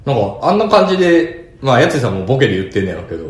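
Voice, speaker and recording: Lively Kansai-accented young man, echoey room. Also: mid-range voice, very fast. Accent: Kansai Japanese. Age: young adult. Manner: lively joking banter, laughs often. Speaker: podcast co-host, comedian. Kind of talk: casual chat.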